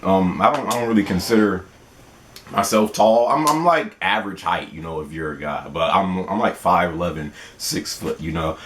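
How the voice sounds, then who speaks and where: A man's voice: low-pitched, moderate pace, fairly bright tone, slight background noise. A man in his twenties hosting a casual question-and-answer vlog, playful and laughing often. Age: 20s. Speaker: gaming channel host.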